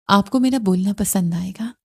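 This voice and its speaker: A woman voicing a stubborn, hurt young wife in an audio novel who answers with sharp, reproachful retorts. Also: mid-range voice, vocal fry, husky.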